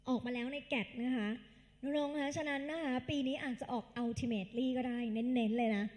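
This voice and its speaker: A woman's voice: a little high, normal speed, a little mellow. A woman tutor giving a live exam-prep English lecture, quizzing the class in call-and-response and calling the students kids. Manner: calls the students kids and dear. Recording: long hall reverb.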